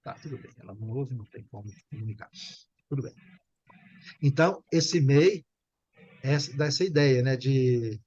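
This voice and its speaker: Um professor de inglês brasileiro dando aula online, paciente, repetindo e conferindo se o aluno entendeu. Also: male voice, mid-range voice, moderate pace, long pauses, darkish tone, breathy edge, lo-fi sound. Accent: Brazilian Portuguese. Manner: patient, repeats and checks understanding. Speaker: English teacher. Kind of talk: online English class.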